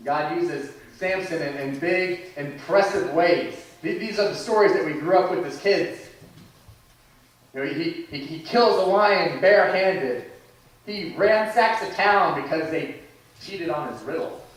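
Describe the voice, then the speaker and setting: A man's voice: fairly high pitch, unhurried. A man in his thirties preaching a sermon in a conversational way, with restarts and asides. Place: church sanctuary. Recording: echoey church hall, from far off.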